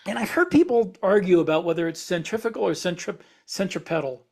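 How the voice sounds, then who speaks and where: In a casual podcast conversation about speculative science for fiction, a male co-host works through ideas aloud and explains them informally. His voice is high-pitched and expressive, a little mellow, and a little fast.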